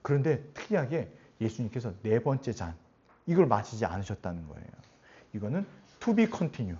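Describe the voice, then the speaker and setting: A man preaching a sermon as pastor, animated and often putting questions to his congregation. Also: medium pitch, normal speed. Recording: dull lo-fi recording.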